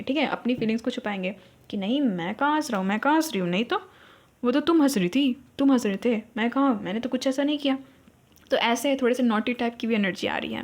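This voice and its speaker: A woman giving a casual, chatty tarot reading, often checking in with her listeners and acting out imagined reactions. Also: fairly high pitch. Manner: chatty, keeps asking "theek hai?" and saying "guys". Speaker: tarot reader.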